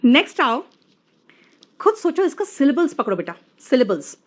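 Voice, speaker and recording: A woman teaching an English grammar lesson, coaxing her students and drawing out the example words slowly. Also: high-pitched, sing-song.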